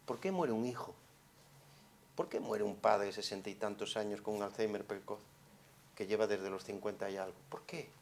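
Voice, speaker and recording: Psychologist lecturing expressively. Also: male voice, on the low side, normal speed, a little hiss or hum. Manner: expressive, swings from hushed to loud, many rhetorical questions. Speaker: psychologist giving a conference talk. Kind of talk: conference lecture. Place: conference hall.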